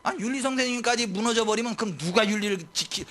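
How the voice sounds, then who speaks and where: Man, pastor, sermon, high voice, bright edge, impassioned, shouted declarations, rhetorical questions. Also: quick pace. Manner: impassioned, swings between soft asides and loud shouted declarations.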